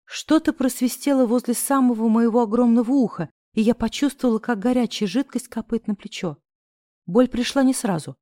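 A woman narrating a novel in the first person, expressive and acting out the other characters' lines. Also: a little high, brisk, dry recording, clean studio sound. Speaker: audiobook narrator.

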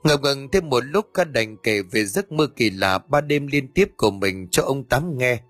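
A man narrating a story as an audiobook reader, steady and even. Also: mid-range voice, a little slow, no room sound, faint music behind.

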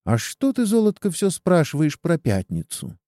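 A man's voice: fairly high pitch, wildly swooping pitch, moderate pace, mellow, no room sound, studio quality, voice pushed up. A man voicing a worried, loving mother who speaks tenderly to her child. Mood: tender worry. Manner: tender, anxious.

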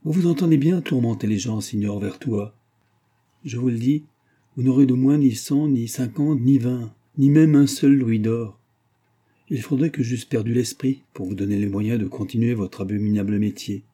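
A man's voice: on the low side, fairly even intonation, a little fast, few pauses, dark tone, slightly rough. A man voicing a rich, contemptuous gambler who harshly refuses a ruined old man, raising his voice. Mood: angry. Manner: contemptuous, angry. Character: scornful rich male bank-holding gambler, harsh and proud.

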